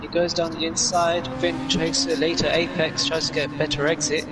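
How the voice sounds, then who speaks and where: A man's voice: on the high side, little pitch movement, moderate pace. A man co-commentating live on a sim motor race, calling moves as they happen. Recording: distant mic under loud car noise.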